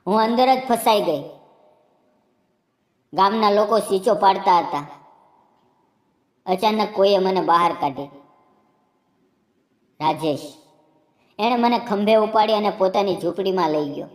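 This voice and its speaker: A woman narrating a heartfelt first-person storybook tale in a soft manner. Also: mid-range voice, a little slow, pauses often. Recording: echoey room, long reverb.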